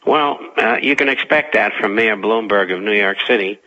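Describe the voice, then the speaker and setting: Older man, radio guest, low husky voice, forceful tone, halting grave commentary, from Massachusetts. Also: dull audio. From Massachusetts, United States. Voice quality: raspy. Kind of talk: political commentary on talk radio.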